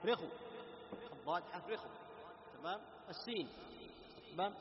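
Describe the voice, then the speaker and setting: A man teaching tajweed to students, explaining letter sounds, quizzing them, and chanting verses slowly as examples. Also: sits high, expressive. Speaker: Quran recitation teacher. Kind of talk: tajweed lesson with recited examples. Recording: echoey hall, muffled, noisy.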